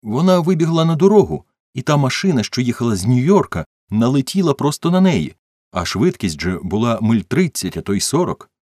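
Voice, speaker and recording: A man voicing an agitated middle-aged garage worker, explaining in an excited, hurried way. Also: lowish voice, breathy edge, no room sound, studio quality, voice pushed up.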